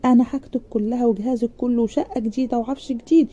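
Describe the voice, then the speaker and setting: A woman's voice: a little high, fairly even intonation, very fast, warm tone, lo-fi sound, close to an everyday voice. A woman voicing a kindly, insistent older man, a father figure, with an Egyptian accent. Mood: reassuring. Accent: Egyptian Arabic.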